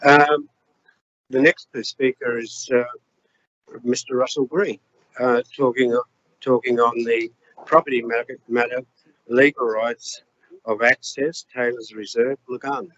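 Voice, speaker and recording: Mayor chairing, firm and procedural, mid-pitched, dull lo-fi chamber audio. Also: male voice, steady tone, a little slow, a bit bright, slight background noise. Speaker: mayor chairing a council meeting. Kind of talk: chairing a formal meeting. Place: council chamber. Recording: dull lo-fi meeting recording.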